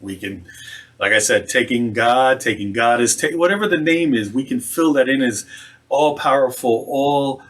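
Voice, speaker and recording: A man, a reverend, giving a conversational sermon and slowing down on key phrases. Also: mid-range voice, fairly bright tone. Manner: conversational, slows for emphasis.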